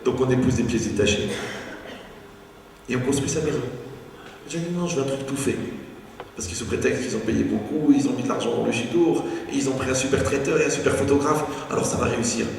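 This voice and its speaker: A man, a rabbi, giving an animated, joking lecture sprinkled with Hebrew terms. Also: medium pitch, fast talker, gravelly. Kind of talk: humorous spoken lecture. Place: lecture hall. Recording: echoey hall from far off, faint noise.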